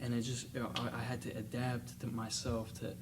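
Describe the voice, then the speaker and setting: Halting young man, distant mic. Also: mid-range voice, level tone. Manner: halting, with many fillers and restarts. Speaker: student panelist. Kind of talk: casual discussion. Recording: distant mic with noticeable hiss.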